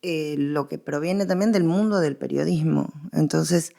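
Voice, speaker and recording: This researcher of radio history, a woman with an Argentine accent, speaks low and a little slowly with vocal fry and a mellow quality. In a conversational interview she explains her field, repeating herself and offering examples to stress points.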